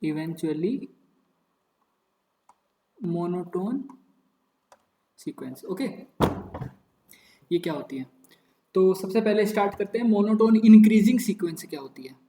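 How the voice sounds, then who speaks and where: A young man with a fairly high voice teaches maths in a casual, chatty lecture. He repeats key words over and over in a playful way and drops into quiet muttered asides. The room around him sounds echoey. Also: slow pace, pauses often, a little hiss or hum. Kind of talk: casual Hindi-English lecture.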